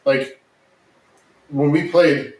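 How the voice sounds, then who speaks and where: A man's voice: fairly high pitch, steady tone, extremely slow, distant mic. A man speaking as a podcast host and ex-player, in casual, emphatic, colloquial commentary. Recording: echoey room, off mic.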